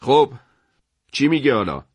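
A man voicing a bullying, threatening male prison major in a radio story, shouting at a prisoner. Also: mid-range voice, big pitch swings, breathy edge, no room sound, pitched above the performer's own voice. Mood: coaxing. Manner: shouting, bullying, then coaxing.

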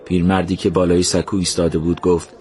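A man narrating a story in a calm, measured, gentle way. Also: deep voice.

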